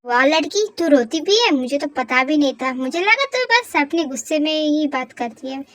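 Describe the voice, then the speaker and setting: A woman's voice: lively intonation, a bit bright. A young woman voicing a cocky, possessive young man who teases and orders a girl around in a fan audio drama. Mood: bossy. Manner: teasing, bossy, low and slow at times.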